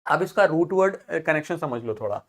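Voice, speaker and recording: A woman teaching a vocabulary lesson to students, explaining terms, asking check questions and repeating each word slowly for pronunciation practice. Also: sits low, expressive. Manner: drills pronunciation by slow repetition; asks rhetorical check questions.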